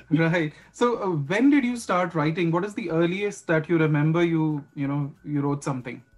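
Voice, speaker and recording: A man's voice: fairly high pitch, moderate pace, low-quality recording. A man hosting a podcast interview who asks questions hesitantly, with many fillers and restarts. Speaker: podcast host.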